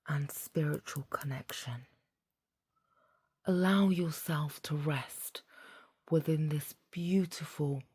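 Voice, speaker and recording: A woman leading a guided meditation in a soft, half-whispered voice, soothing and deliberate, phrase by phrase. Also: deep voice, breathy edge, no echo.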